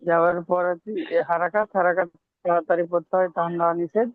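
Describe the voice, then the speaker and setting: A man's voice: high voice, level tone, fast talker, dry recording. A male student reading and spelling out syllables hesitantly in an online recitation class. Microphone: video call. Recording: tinny phone-like call audio.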